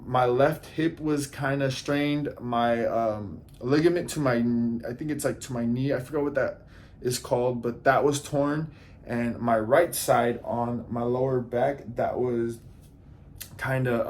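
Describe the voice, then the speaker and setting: A man's voice: mid-range voice, slow. A man in a casual storytime vlog, earnestly retelling events and acting out what people said, often turning to talk to his viewers directly. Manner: animated retelling, acts out dialogue. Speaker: vlogger.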